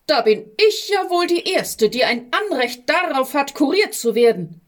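A woman voicing Sickness, a pushy female figure in a storybook reading who talks fast and insistently. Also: high-pitched, expressive, voice pushed up. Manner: rapid, insistent and self-pitying.

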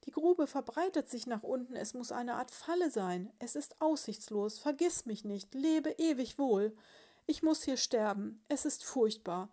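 A woman's voice: sits high, steady tone, normal speed, hardly any pauses, mellow, voice pushed up, lightly acted. Brief: a woman playing a young dormouse groom stuck in a pit, despairing, raised and melodramatic. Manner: raised, breathless, melodramatic delivery.

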